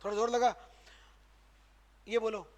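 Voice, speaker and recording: A man's voice: sits high, level tone, a little slow. A man teaching grammar to a live class. He keeps firing questions at the students and answers them himself, stressing and repeating sounds to show how they are spoken. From Rajasthan, India. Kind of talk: classroom lecture.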